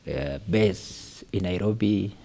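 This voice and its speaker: A man's voice: deep voice, takes it slowly, gravelly, warm tone. A man from South Sudan, a human rights activist, answering in a studio interview with hesitant, self-correcting speech.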